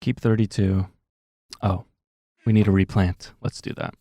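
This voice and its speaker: A man's voice: sits low, little pitch movement, a little slow, dark tone, no room sound. A man giving casual, rambling gameplay commentary, full of fillers and self-corrections, with a slightly sore throat. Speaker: gaming commentator.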